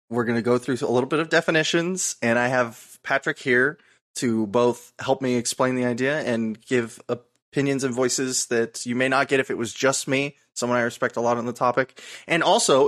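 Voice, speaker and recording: A man's voice: medium pitch, fairly bright tone. Guy hosting a chill podcast, loose and friendly, kinda rambly. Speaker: podcast host. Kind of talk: casual podcast conversation.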